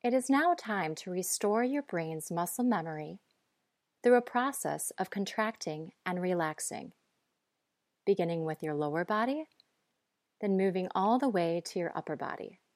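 A woman guiding breathing and muscle relaxation in a calm, measured, instructive way. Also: on the low side, no echo, studio quality. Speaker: guide.

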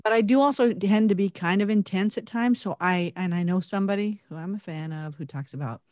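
A woman's voice: medium pitch, a little fast, a little mellow, no room sound, studio quality. A woman co-hosting a casual faith-based chat, earnest and intense, laughing often as she talks. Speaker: podcast co-host.

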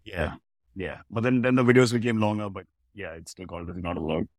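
Laid-back low-voiced man, dry sound. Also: fast talker, darkish tone, no echo. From Russia. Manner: laid-back, laughs often, many fillers. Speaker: podcast guest, content creator. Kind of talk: casual chat.

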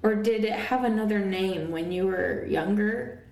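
A woman's voice: mid-range voice, a little slow, vocal fry, darkish tone. Woman co-host, casual faith podcast, frequent laughs, roomy sound. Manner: chatty, laughs often. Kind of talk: casual chat. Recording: roomy echo.

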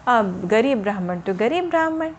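A woman narrates a story to children in a gentle, explanatory manner, pausing with small fillers. Her voice sits fairly high. A faint ambient hum is heard behind her. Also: lively intonation.

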